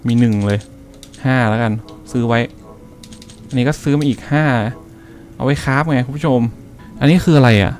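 A man's voice: mid-range voice, normal speed, long pauses, a little mellow, soft background music. A young man hosting a gaming channel, chatting to his viewers through a let's-play, laughing and swearing casually.

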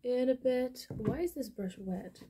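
A high-voiced, animated young beauty vlogger rambles casually through a makeup tutorial with many fillers, speaking a little slowly in a mellow tone. Her first language is Dutch. She's indoors in a small bedroom, with slight background noise.

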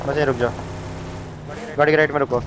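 A man leading his squad in gaming voice chat, barking rapid commands and swearing. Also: medium pitch, steady tone, noisy background. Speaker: squad shotcaller. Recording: loud gunfire from game audio.

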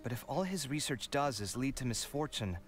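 A man voicing a proud, expressive young male character in a video game, talking emphatically. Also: medium pitch, brisk, soft background music, lightly acted. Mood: troubled. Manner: emphatic, dramatic, lively.

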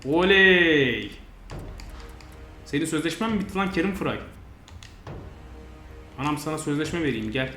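A man giving frustrated, grumbling commentary over a football video game, now and then yelling at his players. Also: a little high, lively intonation, brisk, pauses often, faint music behind. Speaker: gaming channel host. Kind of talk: live commentary over gameplay. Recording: roomy sound with faint noise.

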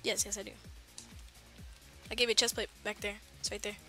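A woman hosting a gaming video, chatting casually and excitedly shouting orders to her teammate. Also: mid-range voice, brisk, soft background music. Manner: excitable, shouts commands in bursts. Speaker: gaming channel host. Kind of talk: casual gameplay chat.

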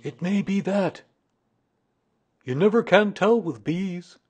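Man voicing Winnie the Pooh, high-pitched earnest bear. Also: husky, heavily acted. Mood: pondering, suspicious. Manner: deliberate, earnest, ponderous. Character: Winnie the Pooh, earnest, slow-thinking, anxious toy bear. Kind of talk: children's storybook character reading.

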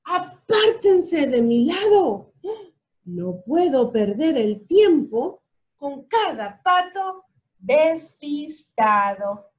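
A big bossy dump truck barks at everyone in the way, read by a woman. The voice is loud and brusque, pitched a touch higher than her own and pushed forward. It belongs to a children's storybook. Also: very animated, very slow, exaggerated voice.

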